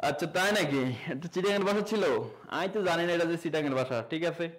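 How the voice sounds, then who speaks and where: A young man teaching a casual online coding lesson, chatty and joking with quick asides to students. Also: a little high, rough recording.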